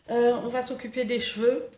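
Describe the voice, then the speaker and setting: Chatty woman vlogging in an echoey room. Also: a little high. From Senegal. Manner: chatty, relaxed, talks while doing her morning routine. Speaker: lifestyle vlogger. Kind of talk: casual vlog chat. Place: room at home. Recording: echoey room, faint noise.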